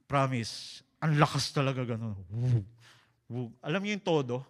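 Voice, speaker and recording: A man with a Filipino accent preaching a sermon, an animated, joking storyteller who slips between Tagalog and English. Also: mid-range voice, normal speed, in a large hall.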